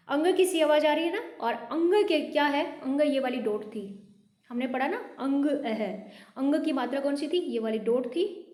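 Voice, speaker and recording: A woman teaching Hindi pronunciation, patiently repeating each word slowly for her learners. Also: high voice, echoey room. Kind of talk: classroom lesson on pronunciation.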